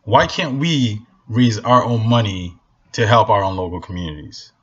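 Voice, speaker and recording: Speaking to camera at a moderate pace, a male vlogger rants bluntly and passionately, using repetition for emphasis. He is a native Hausa speaker from Northern Nigeria, with a fairly low voice carrying a breathy edge, recorded in lo-fi sound for a casual vlog.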